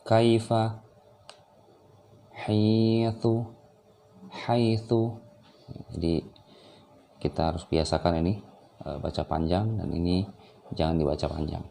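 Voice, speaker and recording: A man teaching how to read the Quran, drawing out example syllables slowly and then explaining calmly with some hesitant fillers. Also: extremely low pitch, vocal fry, slight background noise. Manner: slow drawn-out recitation examples alternating with calm explanation. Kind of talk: recorded reading lesson.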